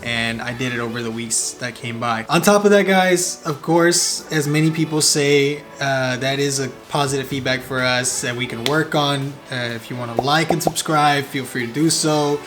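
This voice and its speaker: A young Spanish-speaking travel vlogger, with Spanish as his first language and a Spanish accent, narrates casually in a chatty, upbeat way packed with fillers and cheerful asides. His medium-pitched voice runs at normal speed with few pauses and sounds a bit bright. Music plays over his voice.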